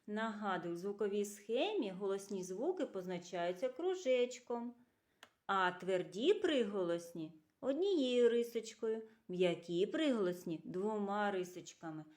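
A woman teaching a literacy lesson to young children, asking questions, praising answers and slowly drawing out sounds and syllables. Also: mid-range voice, darkish tone. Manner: slow, clearly drawn-out sounds and syllables, asks questions and praises. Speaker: kindergarten teacher.

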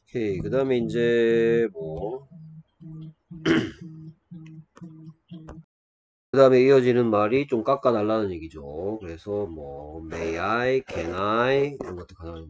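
Slow, low-voiced man teaching English. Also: highs cut off. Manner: reads English lines slowly and deliberately, then explains in Korean. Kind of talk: textbook lesson explaining dialogue.

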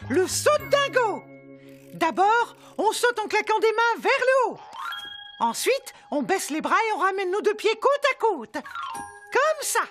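An upbeat cartoon mouse with an extremely high falsetto. He gives simple, encouraging instructions to children at an unhurried pace, with music playing clearly behind him. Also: big pitch swings, fairly bright tone, full character voice. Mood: cheerful, eager. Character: cheerful high-voiced male cartoon mouse, upbeat exercise leader for children. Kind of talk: children's cartoon exercise show in French.

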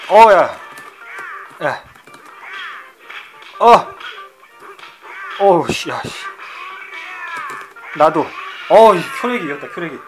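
Lively, profane Korean game streamer man. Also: sits high, very slow, pauses often, faint music behind. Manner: swears and yells at the computer opponent; swings from shouting to muttering. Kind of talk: profane retro game commentary.

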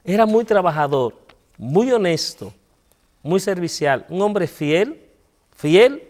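A Dominican priest telling his personal testimony in a TV interview, speaking earnestly with a Dominican Spanish accent and letting his voice sink low and soft at painful moments. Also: expressive, slow, long reverb tail. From Dominican Republic.

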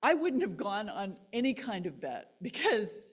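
A woman pastor, delivering a sermon as an animated story and laughing between lines. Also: medium pitch, moderate pace, slightly rough.

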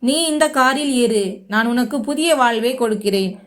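A woman's voice: on the high side, normal speed, fairly bright tone, natural voice. A woman voicing a domineering, scheming old grandfather in a spoken story, in a commanding way.

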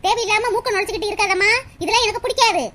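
A woman voicing a haughty village mother, very high and bright. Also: fairly even intonation. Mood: angry. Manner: scolding, haughty and rapid. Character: proud, sharp-tongued village mother of a college girl. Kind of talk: cartoon voice acting.

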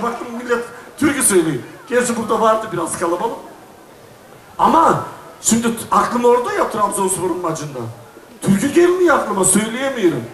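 A middle-aged man from Istanbul talks to a crowd from the stage, with a notably high voice. He is chatty and jokes at his own expense. The sound is echoey and distant, as if picked up from far across the venue. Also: a bit bright. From Istanbul, Turkey. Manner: chatty, joking storyteller who laughs at himself. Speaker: folk singer on stage. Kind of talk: casual stage chat to an audience. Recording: echoey venue, voice heard from afar.

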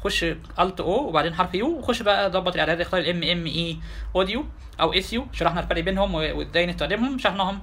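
A man with an Egyptian Arabic accent giving a casual software tutorial, talking fast and asking his listeners rhetorical questions. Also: high voice, expressive. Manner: quick, chatty, addresses listeners directly with rhetorical questions. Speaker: software instructor. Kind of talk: tutorial lecture.

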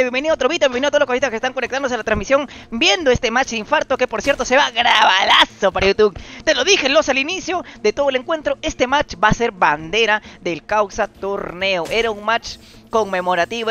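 A man casting a live esports match, with excitable sing-song play-by-play. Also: high voice. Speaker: esports caster.

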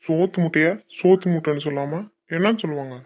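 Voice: mid-range voice, fast talker, lo-fi sound, lightly acted. A voice actor playing a devoted young college man in a cartoon, pleading and affectionate. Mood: teasing.

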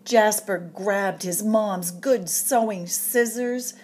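A woman reading a picture book aloud to children in an expressive, dramatic storyteller's way, drawing out suspenseful phrases. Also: medium pitch, slow pace, slight background noise. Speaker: storytime reader at a public library.

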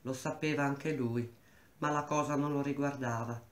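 Male reader, mid-pitched, measured literary reading, roomy echo. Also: steady tone. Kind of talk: reading a novel aloud.

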